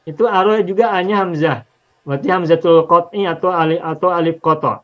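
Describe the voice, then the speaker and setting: A man's voice: a little high, fairly quick, highs cut off. A man teaching an Arabic linguistics lesson on the Quran, explaining patiently step by step and repeating examples.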